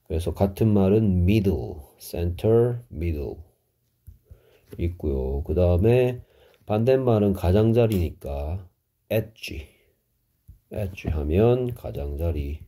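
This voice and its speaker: A middle-aged man teaching English vocabulary, explaining each word slowly with Korean glosses. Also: low-pitched, animated, mellow. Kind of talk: vocabulary lesson.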